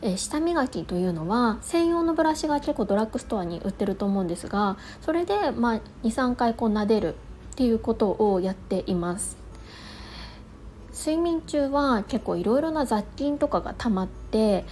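A woman's voice: fairly high pitch, lively intonation, moderate pace, a little mellow, slight background noise. A woman hosting a morning show alone, talking in a casual, polite, conversational way and explaining things. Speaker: host of a daily morning radio-style show. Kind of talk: casual solo talk.

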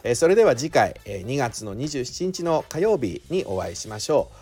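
A man's voice: mid-range voice, very animated, moderate pace, warm tone, breathy edge, soft background music. A man with a Shizuoka accent hosting a solo podcast in a chatty way, often drawing out filler sounds. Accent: Shizuoka Japanese. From Shizuoka, Japan. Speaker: podcast host.

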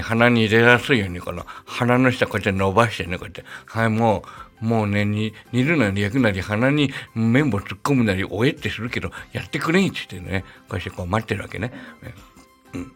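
A man's voice: on the low side, a bit bright. A middle-aged man hosting a podcast, telling a story in a chatty, rambling way with wry asides. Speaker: podcast host. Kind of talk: casual storytelling monologue.

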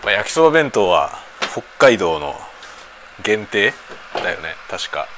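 A man in middle age with a low but bright voice. He talks casually over lunch preparation, in loose, rambling colloquial sentences, and his intonation swings widely as he goes. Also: sing-song, a little hiss or hum. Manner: rambling and colloquial, drawn-out sentence-ending tags. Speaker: streamer. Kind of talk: casual lunch-break chat while preparing food.

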